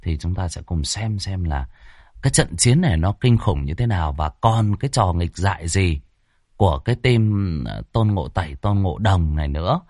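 A man hosting and narrating a horror story in a lively, chatty way. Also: low-pitched, normal speed, dry recording, studio quality. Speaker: storyteller and channel host.

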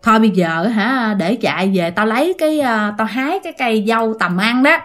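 A woman playing a gruff, bossy old village man who gives blunt orders. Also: a little high, lively intonation, brisk, fairly bright tone. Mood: urgent. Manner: blunt, commanding.

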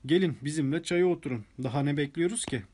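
A man's voice: a little high, fast, darkish tone, natural voice. A man voicing a blunt, gloomy old father in an audiobook. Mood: grumbling.

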